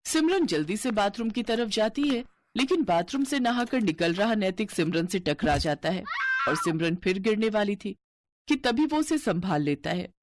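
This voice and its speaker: A woman's voice: medium pitch, expressive, normal speed, a little hiss or hum. Woman narrating a cartoon story.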